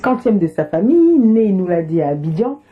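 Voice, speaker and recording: A woman's voice: medium pitch, a little fast. A woman hosting a television interview, posing questions and leading into segments. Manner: lively questioning, introduces segments. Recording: slightly dull sound.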